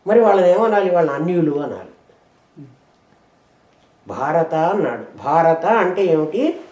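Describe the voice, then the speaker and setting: A woman teaching scripture, explaining verses with rhetorical questions and chanting them slowly. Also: sits low, lively intonation, warm tone, reverberant, muffled recording. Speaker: spiritual teacher. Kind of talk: scripture lesson.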